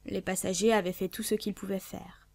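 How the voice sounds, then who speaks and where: A woman narrating a classic adventure novel in a measured, clear literary reading. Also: medium pitch, level tone, darkish tone, no room sound. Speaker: audiobook narrator.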